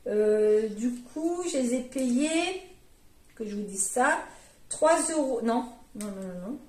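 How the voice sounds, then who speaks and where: In an echoey room, a vlogger mom in her forties talks casually about her grocery haul, rambling and correcting herself with frequent fillers. She speaks slowly, her slightly high, slightly mellow voice full of lively intonation.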